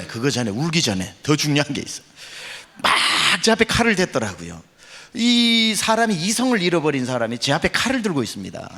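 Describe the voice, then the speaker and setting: A man's voice: on the high side, fairly bright tone, long reverb tail. A male senior pastor delivering a revival sermon, telling a story dramatically and acting out the voices he quotes. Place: church revival meeting.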